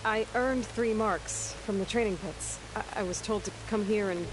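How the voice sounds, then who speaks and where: An actress playing a determined young huntress in a video game, speaking in an earnest, understated way. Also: female voice, mid-range voice, moderate pace, close to an everyday voice, poor audio. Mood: hesitant. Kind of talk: video game character acting.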